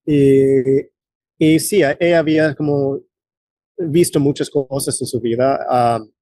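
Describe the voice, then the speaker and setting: A man in his late forties from the United States speaks as an interview guest. He talks haltingly, often restarting a phrase and reaching for words. His voice is mellow and the sound is dry and close. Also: mid-range voice, steady tone, no room sound. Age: late 40s. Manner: halting, many restarts and fillers. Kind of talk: conversational interview.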